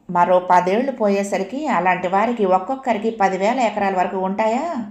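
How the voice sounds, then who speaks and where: A woman voicing a sly, scheming man in a comic audiobook, reasoning slowly and mockingly. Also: medium pitch, darkish tone, lightly acted. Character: scheming middle-aged man, sly adviser. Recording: roomy echo.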